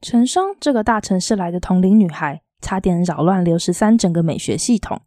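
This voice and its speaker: A woman reading a novel aloud in a soft, quietly lilting storytelling voice. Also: lowish voice, lively intonation, a little fast, no echo, clean studio sound. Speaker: audiobook reader.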